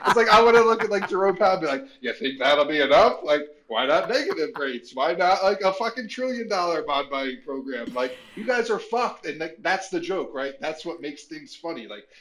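A man's voice: fairly high pitch, fairly bright tone. A man co-hosting a finance podcast, talking casually and ranting with profanity and jokes. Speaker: podcast co-host.

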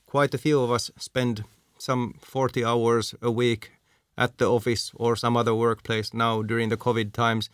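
A man from Finland hosting an interview, measured and steering the talk with questions. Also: medium pitch, flat delivery, clear, resonant tone, no room sound, clean studio sound. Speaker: interviewer, host. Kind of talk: conversational interview.

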